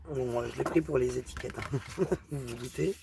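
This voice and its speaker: Woman with a heavy accent going through her craft haul, gravelly voice, lots of umms, faint hiss behind. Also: rumbling low, normal speed. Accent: strong regional accent. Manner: chatty, hesitant, lots of fillers. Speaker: craft vlogger showing a haul. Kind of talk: casual product show-and-tell.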